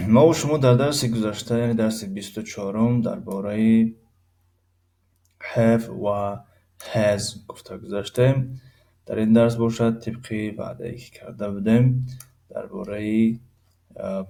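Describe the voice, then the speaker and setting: A man with a Tajik accent teaching an English grammar lesson, repeating English phrases slowly and translating them with many fillers. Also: on the low side, vocal fry, mellow.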